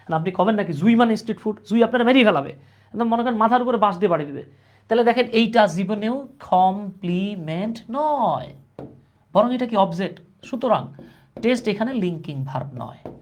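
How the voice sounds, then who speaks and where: A man with a Bangladeshi accent runs an online grammar lesson. He talks in a casual, colloquial way, throwing in jokes and asking viewers questions as he explains. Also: sits high. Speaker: English teacher.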